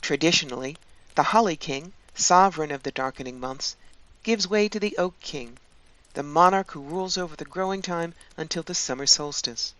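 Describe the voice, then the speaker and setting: A woman hosting her channel and leading a guided meditation in a calm, soothing voice. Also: sits low. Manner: slow, calm, soothing delivery with long pauses.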